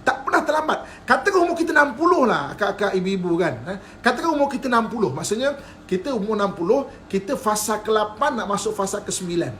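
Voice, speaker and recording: This religious teacher, a man with a Malaysian Malay accent, delivers his lecture over a live stream with a high, expressive, slightly bright voice at a fast clip. There's slight background noise, and he playfully chuckles a lot while repeatedly asking if everyone follows.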